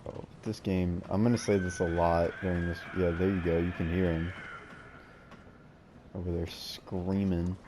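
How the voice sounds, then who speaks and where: A man's voice: sits low, little pitch movement, normal speed, dark tone, a little hiss or hum. A man giving casual let's play commentary as a gaming host, with slangy, jokey asides.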